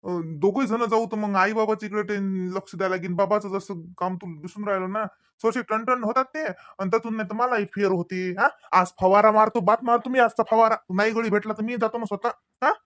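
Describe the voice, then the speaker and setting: A man's voice: high-pitched, fairly even intonation, brisk, hardly any pauses, a bit bright. A man voicing an easygoing, penny-pinching village farmer husband in a cartoon, with a mild, placating drawl.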